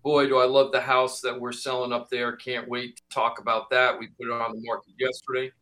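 A man's voice: mid-range voice, monotone, pushed and bright. A man who is a regular co-host and real estate agent, chatting upbeat on a live radio show through a remote mic with strong reverb, like a big hall. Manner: upbeat and chatty, talks in quick asides. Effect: reverb, his mic sounds like a big echoey hall. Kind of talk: casual radio talk-show chat. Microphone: remote mic with audible reverb on a live radio broadcast. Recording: echoey remote feed on radio.

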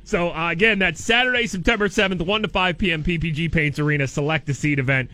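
An American man hosting a radio show, delivering an upbeat, informal contest promo in an excitable way and repeating himself for emphasis. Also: on the high side, fast talker, dry recording.

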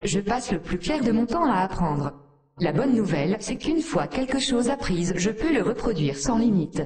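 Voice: medium pitch, big pitch swings, normal speed, darkish tone, close to an everyday voice. A performer voicing a sardonic female artificial intelligence that talks down to humans with cold contempt, in an echoey room. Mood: scornful.

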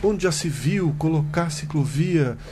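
A man's voice: on the high side, animated, a little slow, darkish tone, slight background noise. Reflective man hosting a roundtable. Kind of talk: casual roundtable chat.

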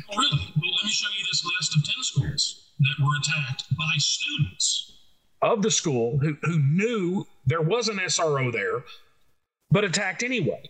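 A man's voice: fairly high pitch, pushed and bright, poor audio. A man with an Arkansas Southern accent explaining things informally as an expert guest, plain-spoken and emphatic, repeating key phrases for stress. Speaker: guest expert, trainer who speaks to schools and police.

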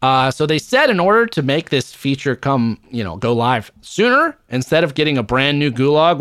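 A man's voice: medium pitch, a bit bright, no echo, studio quality. A man co-hosting a gaming podcast, talking bluntly and opinionated with plenty of swearing. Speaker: podcast co-host. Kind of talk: casual gaming podcast chat.

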